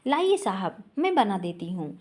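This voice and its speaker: A woman's voice: medium pitch, sing-song, normal speed, darkish tone, pitched below the performer's own voice, natural voice. A woman voicing a polite, deferential female housemaid.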